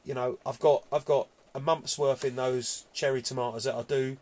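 A man's voice: medium pitch, fairly even intonation, normal speed, a little mellow. A man with an English accent chatting casually as a podcast co-host, blokey and colloquial, often repeating himself. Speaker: podcast co-host on allotment gardening. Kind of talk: casual chat.

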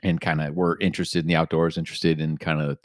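A young man with a deep, low voice chats casually on a podcast, relaxed and loose, dropping "dude" and "like" all through his sentences. He is recorded close on a studio mic with a dry, dead sound and no room around him. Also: fast, no room sound. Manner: laid-back, says "dude" and "like" a lot. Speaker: podcast host.

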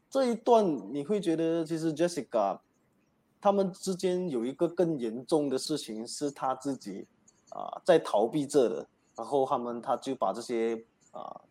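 A man's voice: on the high side, animated, moderate pace, dark tone. Guy hosting an advice show, chatty, fills gaps with ums and ahs. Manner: talks with many fillers. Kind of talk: casual radio talk.

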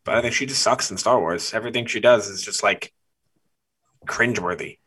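Excitable young man with stammering restarts. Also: lowish voice, fairly quick, husky. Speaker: podcast co-host. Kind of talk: casual podcast chat.

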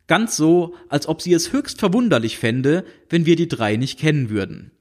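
Brief: a man narrating a comic novel, dry ironic tone, very expressive pitch. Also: normal speed. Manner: wry, dry ironic storytelling. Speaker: audiobook reader.

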